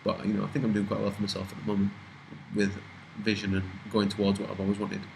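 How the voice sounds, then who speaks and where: Young british guy, twenties, lowish voice, casual rambling chat, swears a lot, faint hiss. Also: monotone, quick pace, gravelly. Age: 20s. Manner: rambling, swears freely, trails off and restarts. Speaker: vlogger answering viewer questions.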